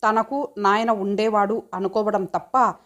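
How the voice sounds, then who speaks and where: A woman reading a magazine short story aloud as an audiobook narrator, in a calm, measured storytelling voice. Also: mid-range voice, highs cut off.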